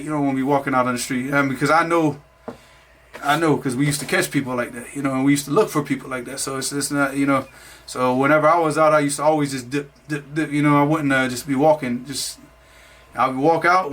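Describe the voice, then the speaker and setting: A man's voice: on the high side, fairly bright tone. A man from Florida telling his own life story in a casual, rambling way, full of fillers and restarts. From Florida, USA. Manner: rambling, many fillers and restarts, laughs at himself.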